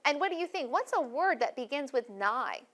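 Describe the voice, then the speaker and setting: A woman teaching a first-grade phonics lesson in a classroom, speaking slowly and clearly with encouragement. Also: high-pitched, big pitch swings, a bit bright.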